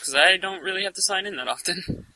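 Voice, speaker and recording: A man chatting casually on a podcast, halting with many fillers. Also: high voice, noisy background. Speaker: podcast co-host. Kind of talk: casual chat.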